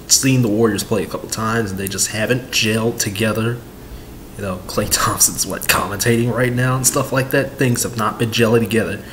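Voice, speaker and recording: A man's voice: on the low side, fairly even intonation, fairly quick, fairly bright tone, slight background noise. A young man in his twenties giving casual sports commentary on his home vlog, rambling with lots of fillers and repeats, recorded on a webcam in a small room. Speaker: sports vlogger. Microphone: webcam at desk.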